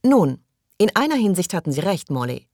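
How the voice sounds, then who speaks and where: A man's voice: high-pitched, sing-song, moderate pace, darkish tone, no echo, clean studio sound, pitched above the performer's own voice. A man reading an alarmed male expedition member in an audiobook, speaking emphatically and somewhat raised. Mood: emphatic.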